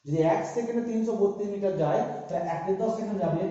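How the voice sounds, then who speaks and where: A man's voice: high-pitched, very fast, dark tone. A man teaching a physics class, working through sums aloud and answering his own questions. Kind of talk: classroom lecture. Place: large echoey room. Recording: echoey hall, dull lo-fi sound.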